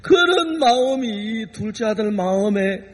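A man's voice: sits high, expressive, unhurried, slightly rough. A man preaching a sermon as a pastor, emotional and acting out voices as he tells the story. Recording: long hall reverb.

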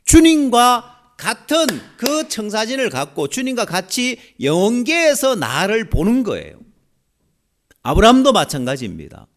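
A man's voice: sits high, huge pitch swings, measured pace, a bit bright. A man preaching a sermon, acting out the voices of biblical figures as he goes. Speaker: pastor.

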